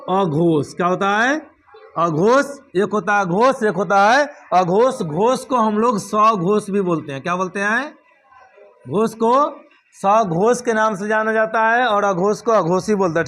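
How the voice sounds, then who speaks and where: A man's voice: high-pitched, a bit bright. A man teaching a grammar lesson, repeating each point and asking check questions like "understood?" before answering them himself.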